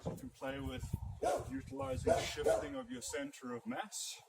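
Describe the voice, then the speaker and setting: Man instructing over loud background noise. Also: very high voice, sing-song, normal speed, vocal fry. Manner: practical, loose and unscripted, with fillers. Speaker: martial arts instructor. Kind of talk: demonstrating and explaining training.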